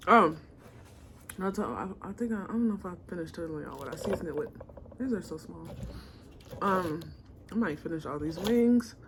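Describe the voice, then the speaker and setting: A woman's voice: lowish voice, expressive, normal speed, pauses often, slight background noise. A woman hosting a mukbang eating show, chatting casually and murmuring with enjoyment between bites. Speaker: mukbang host.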